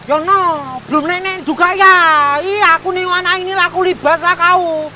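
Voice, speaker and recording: A woman's voice: extremely high pitch, fairly even intonation, normal speed, slight background noise. A woman playing a chatty, teasing neighbor and mother who scolds her child in a comedy skit. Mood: scolding. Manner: teasing and laughing, scolds loudly. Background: background music.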